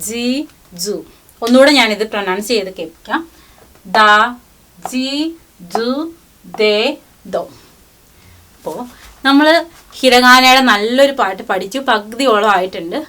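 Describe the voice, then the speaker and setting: Woman w teaching a lesson, patient, says each syllable slow and repeats it. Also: on the high side, a bit bright, a little hiss or hum. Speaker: Japanese language teacher. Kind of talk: step-by-step lesson talk, reading out syllables.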